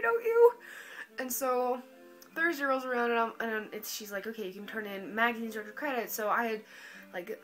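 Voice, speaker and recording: A woman's voice: medium pitch, fairly bright tone. A teenage girl in her late teens telling a story to camera in a casual, dramatic, self-mocking way, acting out her own panicked quotes. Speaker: high school student vlogger.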